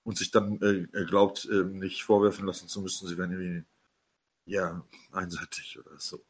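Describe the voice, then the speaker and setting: A man's voice: sits low, flat delivery, normal speed, slightly rough. A man co-hosting a casual talk show, speaking hesitantly with many fillers. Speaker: podcast co-host. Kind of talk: casual chat.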